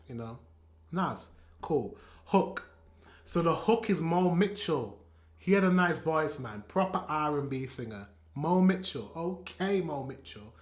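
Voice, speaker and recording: British man, fairly high voice, reaction host, excitable, laughs a lot, echoey room at home. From England. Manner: excitable, swears, laughs often. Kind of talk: casual reaction commentary. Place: room at home with a shelf behind him.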